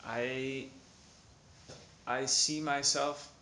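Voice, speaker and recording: A man, a singer, answering questions in slow, simple, hesitant speech with many pauses and ums. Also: medium pitch, fairly even intonation, pushed and bright. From Canada. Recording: echoey room with faint noise.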